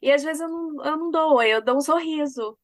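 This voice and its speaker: A woman's voice: high voice, brisk, no echo, studio quality. A woman with a Brazilian Portuguese accent, co-hosting a podcast in casual chat, telling stories with frequent laughs. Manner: chatty, laughs often while telling stories. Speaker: podcast co-host.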